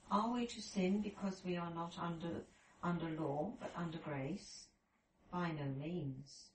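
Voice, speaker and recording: Low-voiced woman reading scripture aloud. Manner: steady careful reading. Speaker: group member reading scripture. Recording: roomy, distant from mic, faint room noise.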